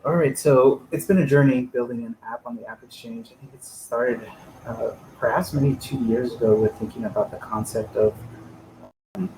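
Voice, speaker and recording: A man's voice: medium pitch, noisy background. A man giving a conversational presentation at an online user group meetup, with frequent fillers, on a computer microphone. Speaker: guest presenter. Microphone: home computer microphone on a video call.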